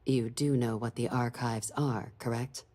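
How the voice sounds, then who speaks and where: A woman's voice: rumbling low, steady tone, unhurried, warm tone. An actress voicing a composed female deputy diplomat in a video game, briefing in a formal tone.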